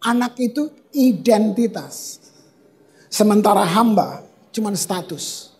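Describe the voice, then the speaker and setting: A male pastor preaching a lively evening prayer sermon in a church service, animated and playful, with colloquial slang, rhetorical questions and acted-out sounds for emphasis. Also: high voice, slow pace. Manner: acts out sounds and cries for emphasis.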